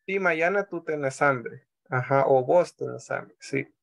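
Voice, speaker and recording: Speaking in a gravelly, mid-range voice, a man with a Salvadoran Spanish accent teaches a language class on a video call. He stays patient, going over words slowly and repeatedly and checking that the class is following.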